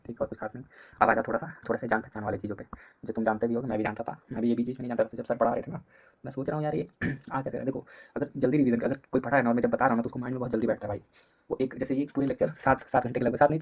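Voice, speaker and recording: A young man giving a casual exam-prep lesson, talking in a quick, repetitive way and often clearing his throat. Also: mid-range voice, darkish tone. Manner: rapid, repetitive, casual, addresses students as "bhai". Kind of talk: fast late-night revision lecture.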